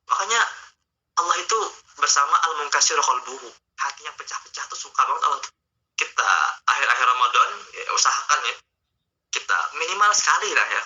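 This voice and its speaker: Over dull, lo-fi online stream audio, a man with a fairly high-pitched, sharp voice offers a casual religious talk as an Islamic teacher. He speaks conversationally, coaxing his audience directly.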